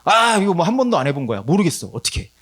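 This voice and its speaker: A man's voice: sits high, sing-song, fast talker. A man giving a conference sermon as a missionary speaker, telling stories with laughter and acted-out quotes.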